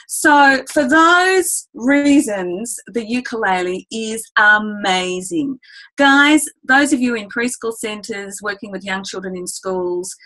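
An Australian music educator teaches a ukulele webinar, chatty and enthusiastic, calling her listeners "guys" and demonstrating on the instrument as she explains. Her voice is on the high side and fairly bright, and the recording is rough.

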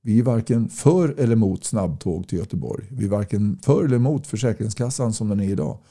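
Brief: man from Sweden, low gravelly husky voice, blunt folksy campaigner talking to camera. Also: lively intonation, mellow. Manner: blunt, folksy, repeats points with rhetorical questions. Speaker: political campaigner. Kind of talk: casual direct-to-camera talk reading viewer comments.

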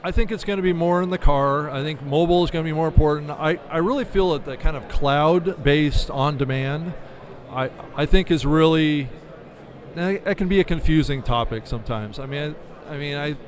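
Interviewed at an indoor expo booth of a convention, a middle-aged podcast business manager speaks conversationally and explanatorily, often asking "right?". His pitch is fairly high and his speed normal. He talks into a studio microphone mounted on a desk stand.

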